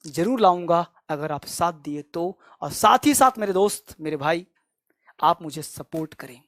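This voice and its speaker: A man teaching spoken English online, drilling phrases by repetition in a loud, emphatic way and ending with a fiery motivational pep talk. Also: sits high, no echo, clean studio sound.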